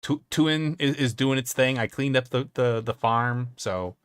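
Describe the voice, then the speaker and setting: A man's voice: medium pitch, unhurried, a bit bright, clean tone, dry recording. A man hosting a casual live stream, chatting with a friend. He jokes and laughs a lot and lets his thoughts ramble. His voice sits mid-range and sounds dry and close. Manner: joking, laughs often, loose and rambling. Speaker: stream host.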